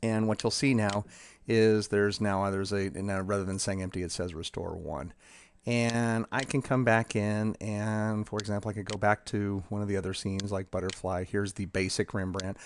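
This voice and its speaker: A man casually walking through a demo of his software tool, talking in a halting way with many ums and restarts. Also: on the low side, level tone, a little hiss or hum.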